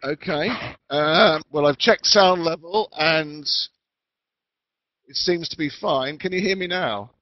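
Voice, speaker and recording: A fairly high-pitched man gives an educational lecture as a webinar speaker, explaining things in a measured, deliberate way. His remote call mic produces a dull, lo-fi, dry line with no echo, and the patchy audio fades in and out.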